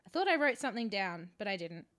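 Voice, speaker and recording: A woman's voice: medium pitch, very animated, fast talker, a bit bright. A woman co-hosting a podcast in casual chat, offhand, teasing and sweary. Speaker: podcast co-host.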